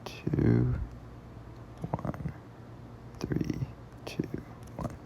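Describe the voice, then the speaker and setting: Mellow and extremely slow, this male puzzle-channel host talks casually through his solves. He reasons out loud, frequently muttering under his breath and dropping to a half-whisper as he figures things out.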